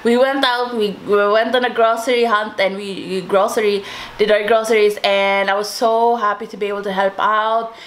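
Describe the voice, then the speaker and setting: A woman's voice: medium pitch, flat delivery, normal speed. A young adult woman telling a personal story to viewers in a casual, chatty, informal way, like a YouTuber talking to camera. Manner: chatty, informal, addresses listeners as guys.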